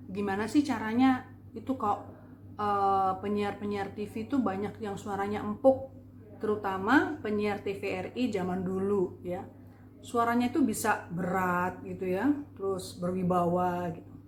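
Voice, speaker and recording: Woman coach explaining public speaking, slow and deliberate, chatty, kinda echoey room. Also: mid-range voice, a little hiss or hum. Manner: casual, chatty Indonesian with fillers. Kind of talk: friendly spoken lesson.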